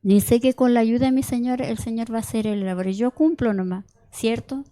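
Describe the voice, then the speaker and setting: A woman's voice: fairly high pitch, fairly quick, dark tone. A middle-aged woman gives a conversational sermon mixed with personal testimony, often restarting words and checking in with "¿cierto?". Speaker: church member preaching.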